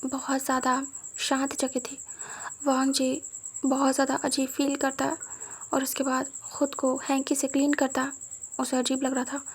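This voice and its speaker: A woman narrating a fanfiction story in an even, monotone reading manner. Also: sits high, husky.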